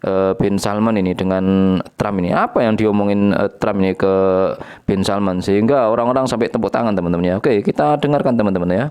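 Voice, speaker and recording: A man's voice: on the low side, brisk, darkish tone, clean tone. Sarcastic, chuckling male commentator. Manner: chuckling, sarcastic, keeps addressing viewers as friends. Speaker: reaction channel host. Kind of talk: casual reaction commentary.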